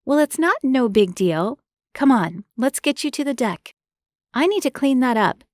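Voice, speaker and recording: A woman narrator voicing a caring young woman who fusses over an injury with brisk, bossy concern. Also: sits high, very animated, dry recording, studio quality, pitched above the performer's own voice. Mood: flustered. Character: caring young woman, fussing, tender-hearted.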